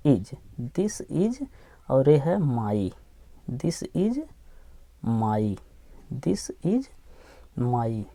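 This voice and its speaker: A man teaching English phonics, sounding out each letter slowly and repeating every word. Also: mid-range voice, mellow, no room sound. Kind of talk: slow phonics lesson, spelling words aloud.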